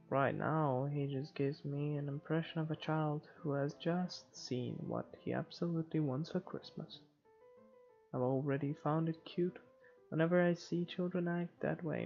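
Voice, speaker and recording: A man with a slightly high, creaky voice reads a visual novel aloud as a let's player, his delivery loose and a bit halting. Music sits underneath, and the sound is slightly muffled.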